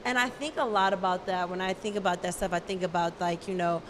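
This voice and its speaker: A woman's voice: fairly low pitch, steady tone, quick pace, fairly bright tone, a little hiss or hum. A woman hosting a casual interview show, rambling with lots of fillers and restarts. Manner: rambling, filler-heavy, laughs often. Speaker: talk show host.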